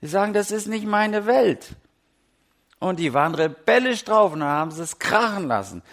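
A middle-aged man from Germany preaching a sermon, telling stories with lively swings between loud and hushed delivery. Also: sits high, moderate pace. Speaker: pastor.

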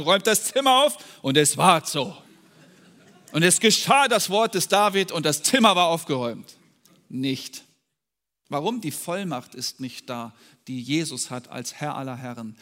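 A man delivers a sermon in German with a fairly high-pitched voice, dropping low and then rising loud when he quotes scripture. The sound rings with the long reverb of a church hall. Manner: dramatic, swings from soft to loud when quoting scripture. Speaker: preacher.

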